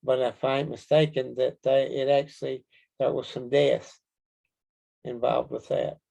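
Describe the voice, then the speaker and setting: A man with a Kentucky accent answering interview questions casually, in a folksy, halting storytelling way. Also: medium pitch, flat delivery, gravelly, mellow, low-quality recording. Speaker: interview guest, Bigfoot researcher.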